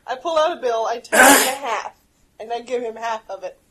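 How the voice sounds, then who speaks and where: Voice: mid-range voice, brisk, a loud crowd. A player in a tabletop game, talking in a firm, matter-of-fact way.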